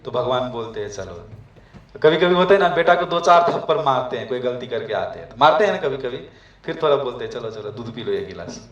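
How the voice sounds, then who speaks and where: A man's voice: medium pitch, distant mic, lo-fi sound. Man from Nepal preaching in an echoey room. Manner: asks the audience questions often. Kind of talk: devotional talk to migrant workers. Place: room abroad with a gathering.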